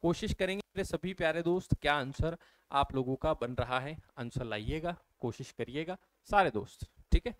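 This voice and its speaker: Man teaching maths, smooth voice. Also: a little high, moderate pace, no echo. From India. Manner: explains step by step, keeps asking the viewers questions and answering them. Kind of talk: exam-prep maths lesson.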